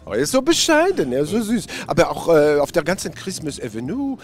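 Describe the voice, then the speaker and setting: A man's voice: on the high side, huge pitch swings, a little fast, soft background music. A man, a drag performer, chatting casually as an interview guest into a handheld microphone. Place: small backstage booth.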